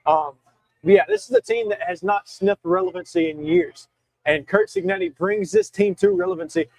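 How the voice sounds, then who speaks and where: A young man with an extremely high, gravelly voice hosts a solo sports talk show, speaking emphatically while fighting the hiccups. He often restarts and corrects himself. The recording is dry with no room sound, but the audio quality is poor.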